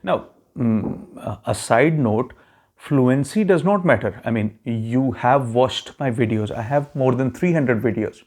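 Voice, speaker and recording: Speaking at a measured pace in a darkish, medium-pitched voice, a man with a neutral accent lays out a test strategy for viewers of his immigration-advice YouTube channel. He keeps it casual with frequent "okay" check-ins and says he isn't very fluent in English.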